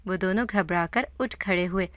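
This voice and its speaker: A woman narrating a scripted horror story in a dramatic, steady way. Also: mid-range voice, no room sound.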